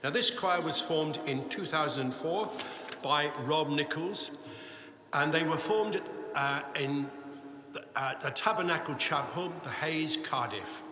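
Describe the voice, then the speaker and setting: A man's voice: a little high, bright, forceful tone, slight background noise. A man announcing choirs and judges at a live cathedral competition, chatty and correcting himself as he goes. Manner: chatty, self-correcting, apologetic asides. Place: large cathedral. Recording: echoey cathedral with long reverb.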